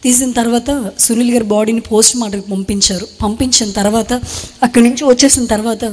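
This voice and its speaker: Young woman, kinda high voice, earnest halting testimony, long echo like a big hall. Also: steady tone. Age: young adult. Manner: earnest, halting retelling in short phrases. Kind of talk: emotional spoken testimony.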